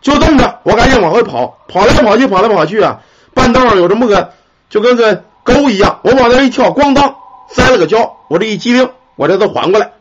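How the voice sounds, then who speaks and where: A man telling a ghost story in an earthy, animated way and swearing casually. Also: sits high, quick pace, a little hiss or hum. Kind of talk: colloquial ghost story narration. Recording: dull lo-fi recording.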